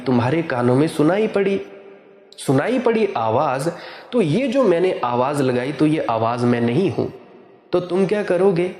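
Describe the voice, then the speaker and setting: A man giving a sermon as a spiritual teacher, speaking slowly and repeating his points, often asking rhetorical questions. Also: on the high side, a little mellow, echoey room, long reverb tail.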